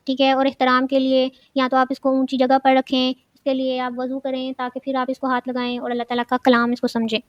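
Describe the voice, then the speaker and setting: A woman's voice: high-pitched, monotone, few pauses, clear, resonant tone, dry recording, highs cut off. A woman teaching a children's religious studies lesson, asking questions and then answering them herself, often repeating key words.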